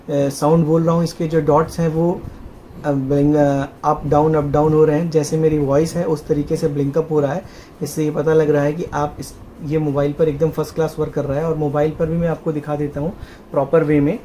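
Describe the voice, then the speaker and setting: A man talks through a gadget demo in a relaxed, halting way, often stalling on "uh" while he finds his words. His voice sits a little high for a man, and a faint hiss of background noise stays under it. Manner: hesitant, with frequent "uh" fillers, addresses viewers as friends. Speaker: tech tutorial host. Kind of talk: casual how-to demonstration.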